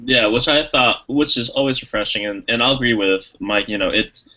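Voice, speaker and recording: A man's voice: medium pitch, moderate pace, bright, forceful tone, dull audio. A man co-hosting a podcast, chatting casually and enthusiastically about a movie, rambling with lots of fillers. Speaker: podcast co-host. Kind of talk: casual movie review chat.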